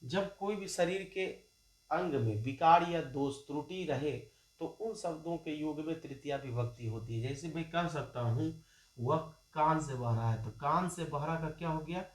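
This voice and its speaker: Bihari Hindi teacher in an echoey room. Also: male voice, fairly high pitch, moderate pace. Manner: asks students questions and answers them himself, repeats key terms. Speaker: Sanskrit teacher. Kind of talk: classroom grammar lesson. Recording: echoey classroom.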